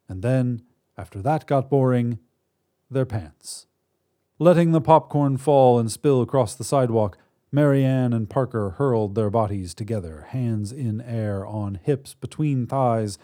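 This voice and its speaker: A man narrating a comic story in a wry, deadpan way. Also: mid-range voice.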